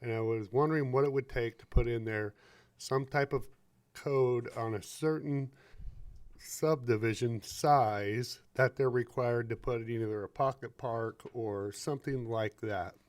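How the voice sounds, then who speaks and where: A man's voice: medium pitch, unhurried. A man on a city council bringing up an agenda item, informal and hesitant with many fillers. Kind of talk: council meeting discussion.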